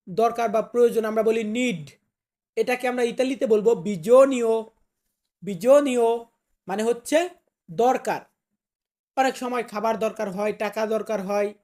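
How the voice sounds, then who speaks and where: A woman teaching a language lesson, saying each new word slowly and repeating it before giving its meaning, with questions put to the learner. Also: a little high, a little mellow. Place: Italy.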